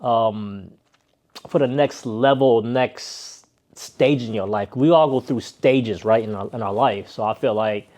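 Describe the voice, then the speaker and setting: A man's voice: medium pitch, measured pace, a little mellow. A man chatting casually to his viewers in a loose, rambling way, often checking in with "right?". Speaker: vlogger. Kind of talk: casual chat to camera.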